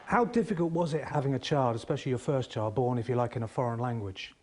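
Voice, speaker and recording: A man's voice: medium pitch, fast talker. A man interviewing a father and son, asking teasing, light-hearted questions.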